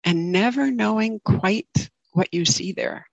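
A woman giving an informal dharma talk as a meditation teacher, speaking in a gentle, reflective and halting way. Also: medium pitch, vocal fry, no room sound, dull audio. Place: online group video call.

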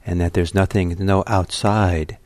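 A man giving a gentle, unhurried meditation talk before guiding a sit, with many soft pauses and fillers. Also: sits low, flat delivery, no room sound. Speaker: meditation teacher. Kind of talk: dharma talk leading into guided meditation. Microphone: computer livestream setup.

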